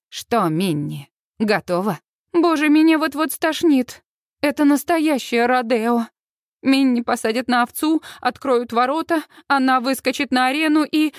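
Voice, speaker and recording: A woman narrates a first-person audiobook in a fairly high voice. Her reading is lively and expressive. The recording is dry and close. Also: measured pace, no room sound.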